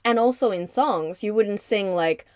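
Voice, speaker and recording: A woman who works as a voice-over artist and coach, talking in a warm, reflective way in casual conversation. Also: mid-range voice, moderate pace, dry recording, studio quality. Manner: warm, reflective, laughs easily.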